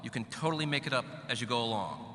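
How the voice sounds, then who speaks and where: A man's voice: mid-range voice, sing-song, fast talker, pushed and bright. A middle-aged man giving a graduation speech at a podium microphone, with a wry, joking manner and a big hall echo around his voice. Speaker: commencement speaker. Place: large hall. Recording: echoey large hall, faint hum.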